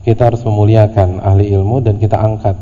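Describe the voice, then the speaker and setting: A man teaching a religious study class in a relaxed, conversational way, with humorous slang asides. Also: lowish voice, fast talker. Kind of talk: casual religious study lecture. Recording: lo-fi audio in a reverberant hall with faint noise.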